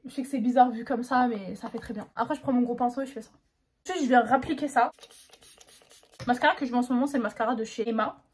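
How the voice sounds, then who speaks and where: Young woman, beauty vlogger, casual makeup chat, slangy, self-mocking, a bit high-pitched. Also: fast, husky.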